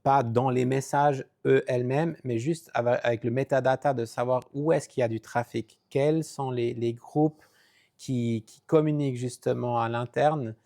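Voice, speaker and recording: A man's voice: mid-range voice, steady tone, moderate pace, mellow. A man hosting a podcast interview who agrees often and asks long questions with hesitant restarts. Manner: frequent short agreements, hesitant restarts when asking questions. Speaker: podcast host. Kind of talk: casual interview.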